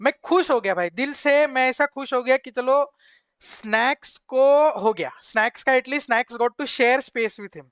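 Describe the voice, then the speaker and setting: Man, Mumbai Hindi accent, streamer, slangy storytelling, high voice, dry sound. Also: slow, clear, resonant tone, no room sound. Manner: animated, slangy, laughs mid-story. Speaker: live streamer. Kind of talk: excited storytelling to chat.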